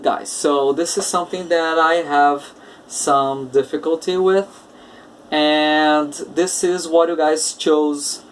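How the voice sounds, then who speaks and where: An English teacher with a Brazilian Portuguese accent talks casually on his own solo podcast. His voice is on the high side, and he speaks slowly, hunting for words with many filler uhs. He sounds far from the mic, with slight background noise.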